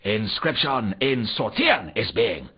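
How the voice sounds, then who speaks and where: In a comic video game, a man voices an eager foreign archaeology worker, earnest and full of pompous long words set in stilted, garbled word order. His full character voice is fairly low, very animated, slow and breathy. The game audio sounds dull and lo-fi.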